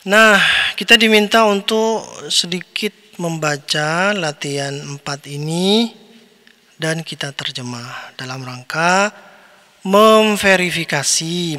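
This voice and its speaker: A man teaching a lesson, reciting words slowly and drawn out, then giving their meaning. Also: a little high, bright, forceful tone, big-room sound. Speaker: Arabic teacher. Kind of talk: recorded online lesson.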